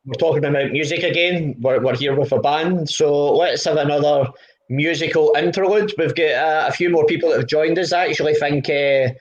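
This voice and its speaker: A man's voice: a little high, fairly quick, highs cut off. A Scottish man hosting a live-streamed chat show over a video call, playful and full of restarts. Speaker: podcast host.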